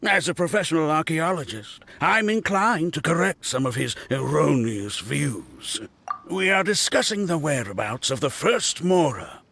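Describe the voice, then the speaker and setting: An actor playing a boastful male archaeologist in a game, lecturing and quick to take offense. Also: on the high side, expressive, creaky, a bit bright, a little hiss or hum, heavily acted. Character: pompous self-styled male archaeologist. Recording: game cutscene with faint score.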